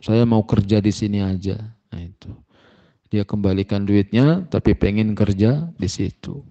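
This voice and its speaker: Male Islamic teacher, mellow dark tone, emphatic storyteller. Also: normal speed. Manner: storytelling, animated pitch jumps for emphasis. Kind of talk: sermon. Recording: muffled lo-fi recording.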